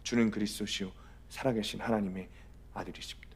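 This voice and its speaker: A man's voice: on the low side, fairly even intonation, fast, husky, pitched below the performer's own voice. A man whispering as a frail young prisoner. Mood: reverent. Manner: hushed, half-whispered confession. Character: frail young male prisoner confessing faith, hushed.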